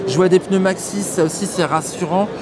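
A male interviewer in his thirties talks quickly in a high voice, brisk and enthusiastic. He stands in a large indoor trade show hall. Loud crowd noise from the show is heard all through.

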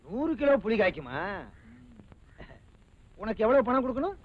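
A mocking, wisecracking employer in a film comedy. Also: male voice, very high-pitched, sing-song, moderate pace, background noise. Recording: dull lo-fi film audio.

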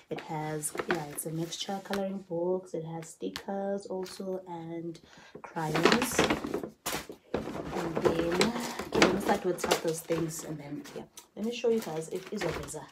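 A woman with a fairly low voice chats casually in her bedroom while filming a haul vlog on a phone camera held at arm's length. She repeats phrases and slips in Zulu words, and the audio is very noisy.

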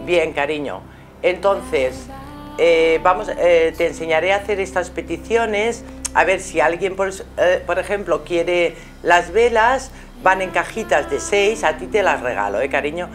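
Her voice fairly low, animated and measured, a middle-aged woman from Spain gives spiritual advice to a caller on her live show, calling them by affectionate endearments. Music plays behind her in the small, curtained TV studio.

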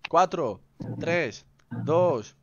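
A young man streaming a game, his voice sitting a little high for a man. He talks in loose slang and teases the people he plays with. A faint hiss sits under his voice. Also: expressive, very slow, muffled recording. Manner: slangy, teasing, greets viewers by name. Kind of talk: casual live-stream chat.

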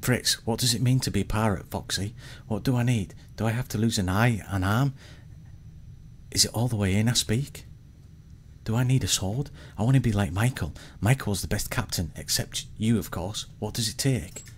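A man reading an eager little boy who dreams of being a pirate, in a low, earnest voice. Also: moderate pace, slight background noise, close to an everyday voice.

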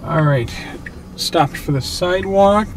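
A man hosting his own channel, narrating casually while driving, excited and chatty with lots of fillers, recorded inside a moving car on a mounted camera. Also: high-pitched, slow. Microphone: camera on a suction mount. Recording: noisy car interior. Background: car road noise.

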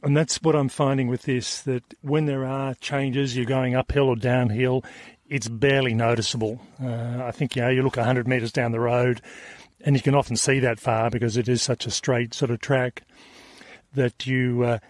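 A man's voice: mid-range voice, normal speed, no echo. Rambling man on a hiking trail. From Australia. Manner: relaxed, rambling, with many fillers and restarts. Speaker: podcast host. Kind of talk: on-trail audio diary. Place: outdoors on a rail trail.

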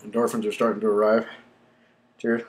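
A man's voice: lowish voice, monotone, a little fast, slight background noise. A man, casually talking through a hot pepper tasting in a rambling, laid-back way, sighing and puffing from the burn. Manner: laid-back, rambling, lots of ums and likes. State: panting and sighing from chili burn. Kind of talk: casual unscripted vlog.

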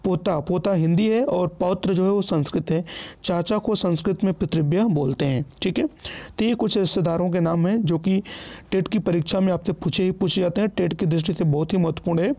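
A man's voice: high-pitched, brisk, warm tone. A man teaching an exam-prep vocabulary lesson, going down a list word by word, often checking in with listeners and correcting himself. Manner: repeats "ठीक है" as a check-in, self-corrects.

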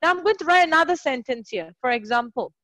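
A woman's voice: high-pitched, lively intonation, fast, sharp tone, no room sound. Upbeat woman tutor in a dry online class. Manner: upbeat, encouraging, praises students often. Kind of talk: live online class teaching.

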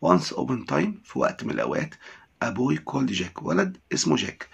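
Egyptian man, English teacher, textbook lesson, gravelly husky voice, lively pitch. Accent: Egyptian Arabic. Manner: reads English lines slowly, then explains them in quick Arabic.

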